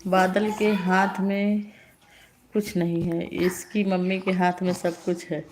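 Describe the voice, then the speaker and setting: A woman's voice: on the low side, little pitch movement, slow, a little mellow, a little hiss or hum. A woman hosting a casual live stream, greeting viewers and teasing them with frequent laughter. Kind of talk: casual live-stream chat reading comments.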